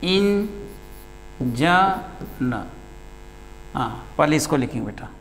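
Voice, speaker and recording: A man's voice: mid-range voice, big pitch swings, slow, creaky. A man teaching a Hindi grammar lesson, patiently repeating key words and calling his students beta and babu. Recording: hum and long room reverb. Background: mains hum.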